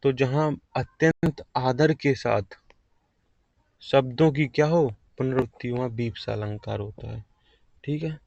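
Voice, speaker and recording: A man's voice: medium pitch, measured pace, vocal fry, a little mellow, no echo. Guy explaining grammar for exam prep, patient, kinda muffled lo-fi recording. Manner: explains patiently, repeating key phrases. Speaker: teacher.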